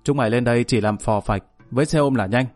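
A man's voice: mid-range voice, fast talker, darkish tone, no room sound. A man narrating a first-person story in a colloquial, wry way. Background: faint music.

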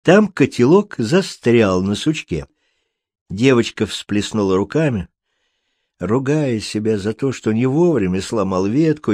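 A man reading a storybook aloud in an even, measured way. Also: lowish voice, no echo, clean studio sound. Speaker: audiobook narrator. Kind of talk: scripted storybook narration.

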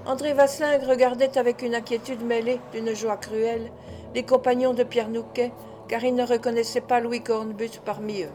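A woman narrating an audiobook in a measured, expressive way. Her voice sits a little higher than average. She reads steadily, with a scripted storytelling cadence. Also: a little hiss or hum. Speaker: audiobook reader.

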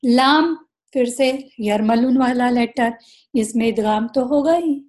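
A woman teaching Quran recitation rules in a recorded lesson, explaining slowly, drawing out each recited example and mixing English words into her talk. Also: fairly high pitch, darkish tone.

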